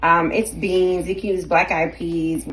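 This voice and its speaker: A woman's voice: fairly low pitch, little pitch movement, measured pace, fairly bright tone, slight background noise. A middle-aged woman from Jamaica hosting a casual cooking vlog, chatty and candid, laughing often as she talks. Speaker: vlogger, channel host.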